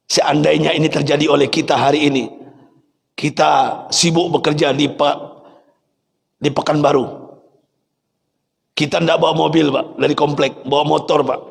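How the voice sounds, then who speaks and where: A male preacher telling an emotional sermon story, swinging from high, loud passion to soft, tender quoted lines. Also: fairly even intonation, moderate pace, creaky, long pauses. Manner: rises high and loud in impassioned stretches, drops low and soft for tender quoted words. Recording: long hall reverb.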